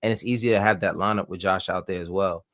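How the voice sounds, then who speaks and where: A man co-hosting a casual basketball talk show, relaxed and rambling, full of "you know.". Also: low voice, fast, dry recording, studio quality. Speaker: co-host.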